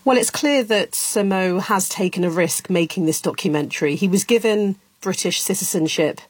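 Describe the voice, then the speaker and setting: Woman, news correspondent, husky, dry close sound, earnest and explanatory. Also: medium pitch, normal speed, no room sound. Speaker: community affairs correspondent. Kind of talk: radio news report.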